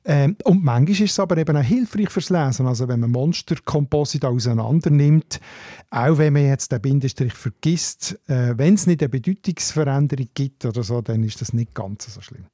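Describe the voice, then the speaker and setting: A man's voice: mid-range voice, lively intonation, normal speed, dark tone, dry recording, clean studio sound. A man with a Swiss German accent, a linguist co-hosting a casual chat, who explains patiently and often ends on a questioning "oder?". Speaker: linguist co-host.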